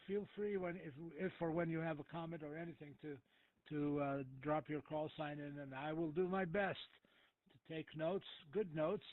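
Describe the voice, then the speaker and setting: A man hosts an amateur radio net in an unhurried, halting way, often stopping to gather his thoughts. His slightly high voice comes through a thin, tinny radio transmission with a close, dry sound and no room around it. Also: dry recording. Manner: easygoing, hesitant, many filler pauses. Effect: narrow two-way radio transmission. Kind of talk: casual on-air radio net chat.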